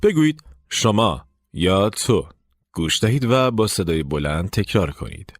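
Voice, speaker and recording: A fairly low-pitched male voice with big pitch swings narrates a scripted English course, guiding listeners step by step and prompting them to repeat after him. The recording is dry and the studio sound is clean.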